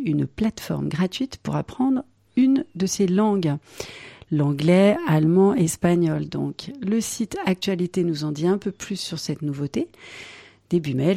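Woman radio presenter, lowish gravelly voice, wry asides, close dry studio mic. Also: warm tone, no room sound. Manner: wry asides, light laughs. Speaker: radio press review presenter. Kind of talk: scripted press review with asides.

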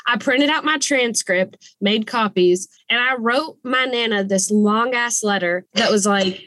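A woman in her late twenties co-hosting a podcast, telling a story in loose, animated chat full of swearing and "like". Her voice sits a little high, and the sound is dry and close with no room echo. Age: late 20s. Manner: animated, profane, many "like" fillers, frequent laughs. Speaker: podcast co-host.

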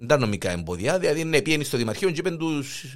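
A man's voice: fairly high pitch, sing-song. A man with a Cypriot Greek accent hosting a jokey gossip news segment, storytelling with animation. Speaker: host. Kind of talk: comic gossip news chat.

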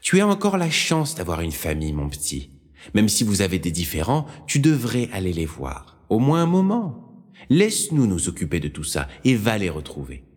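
A man voicing a blunt but motherly old nun in an audiobook story, in a raised falsetto. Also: huge pitch swings, moderate pace, slightly rough, in a large hall, heavily acted. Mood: gentle. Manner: exclaiming, motherly. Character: old nun, bossy, blunt, kindly woman.

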